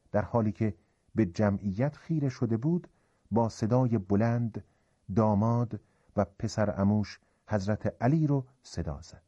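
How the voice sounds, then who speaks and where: A man narrating a religious story in a calm, colloquial storytelling manner, in a dull, reverberant recording. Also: medium pitch.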